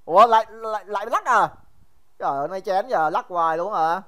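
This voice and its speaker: A man's voice: sits high, brisk, a bit bright. A young man teaching a casual livestream math review, chatty and joking, teasing his students by name and often repeating himself.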